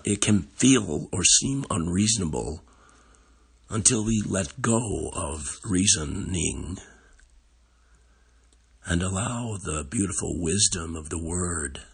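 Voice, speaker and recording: An older man with a frail, breathy, gravelly voice gives a gentle, contemplative devotional reflection on scripture, with long pauses. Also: low-pitched.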